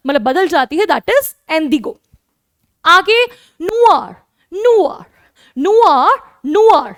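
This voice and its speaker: A woman with an Indian accent teaches French to kids, her voice sitting very high. She drills each word slowly, saying it again and again. The sound is dry and close, with no room around her. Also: fairly bright tone, no room sound. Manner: addresses pupils as kids, explains patiently. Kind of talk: online lesson in Hindi.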